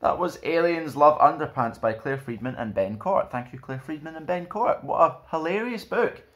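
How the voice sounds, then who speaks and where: In a small, plain indoor room, a young adult man sits about arm's length from the camera, hosting storytime and reading a picture book to children with expressive, friendly presenting. His voice is a little high and moderately paced, and the audio sounds dull.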